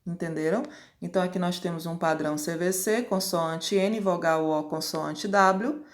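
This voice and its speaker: A woman's voice: lowish voice, normal speed. A woman teaching an English grammar lesson, patiently going through the rules step by step and checking with questions.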